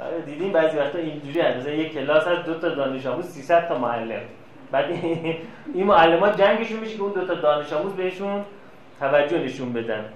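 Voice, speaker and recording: A man giving a classroom lecture, telling anecdotes and acting out quoted dialogue. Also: fairly high pitch. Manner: lively storyteller, plays out quoted dialogue. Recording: echoey room, faint noise.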